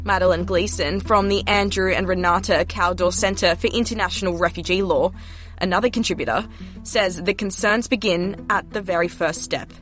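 A woman's voice: fairly low pitch, steady tone, normal speed, fairly bright tone, faint music behind. A woman news reporter, delivering scripted news narration.

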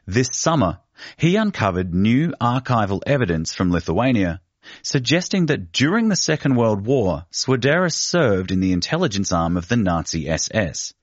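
A man giving a measured, deliberate scripted narration of a feature article. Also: lowish voice, no echo. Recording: dull, muffled studio read.

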